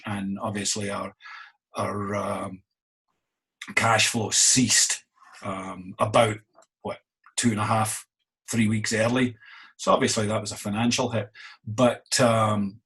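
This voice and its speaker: A man's voice: lowish voice, a bit bright, husky. A middle-aged man with a Scottish accent, an innkeeper answering interview questions in a wry, self-deprecating way. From Scotland.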